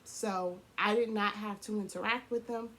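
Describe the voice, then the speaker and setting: Hoarse chatty woman co-hosting. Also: medium pitch, steady tone, normal speed, a bit bright. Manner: chatty, laughs often, clears throat. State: hoarse, losing her voice. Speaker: co-host of a couple's channel. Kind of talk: casual chat.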